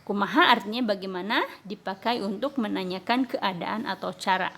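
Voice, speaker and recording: A woman teacher speaks at a middle pitch. She explains each word patiently, then says it again in translation, as in a recorded lesson for young pupils. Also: fairly bright tone. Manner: explains slowly, switching between Sundanese and Indonesian. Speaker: primary school teacher.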